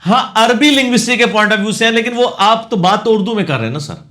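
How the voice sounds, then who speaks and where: A man's voice: high voice, lively intonation, sharp tone. A man with a Punjabi accent, a religious scholar answering questions in a lecture, explaining and correcting word pronunciation with casual asides.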